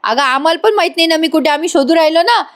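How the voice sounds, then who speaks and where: A brash young village man who bosses his friends around and teases them with quick jokes, voiced by a woman retelling a serial. The voice sits high. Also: lively intonation. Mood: bossy.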